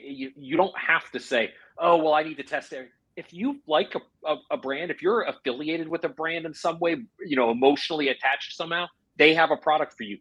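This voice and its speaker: Husky-voiced man talking golf gear. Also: medium pitch, fairly bright tone, rough recording. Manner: teasing, enthusiastic, quick to joke. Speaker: golf equipment expert, podcast co-host. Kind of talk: casual podcast chat.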